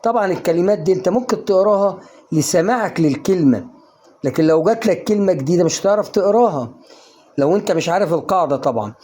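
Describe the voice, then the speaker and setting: A man's voice: high-pitched, animated, fast talker, warm tone. An Egyptian man teaching English pronunciation in a casual online lesson, coaxing the viewer with questions he answers himself. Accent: Egyptian Arabic.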